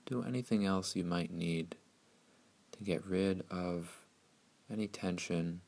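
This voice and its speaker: Slow, deep gravelly man guiding meditation. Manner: soothing, hushed, unhurried delivery with long pauses. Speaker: guided meditation narrator. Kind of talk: slow, scripted guided meditation narration.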